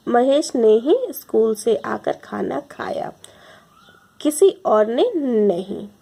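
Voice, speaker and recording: A woman teacher explaining a Hindi grammar lesson slowly, repeating each example with care. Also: fairly high pitch, warm tone. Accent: Indian Hindi. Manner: slow, deliberate, repeats examples. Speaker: school teacher.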